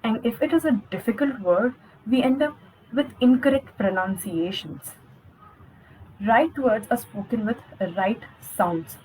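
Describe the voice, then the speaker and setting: A young woman coaches viewers through a spoken lesson. Her voice sits a little high, and she keeps an instructive, encouraging tone throughout. A faint hum of background noise sits under her speech. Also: measured pace, darkish tone, poor audio. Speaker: spoken English skills coach. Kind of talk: online lesson.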